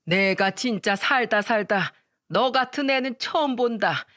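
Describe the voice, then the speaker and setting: A woman's voice: on the high side, a little slow. A woman reading a story voices a furious older father-in-law who scolds his daughter-in-law. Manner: scolding, shouting orders.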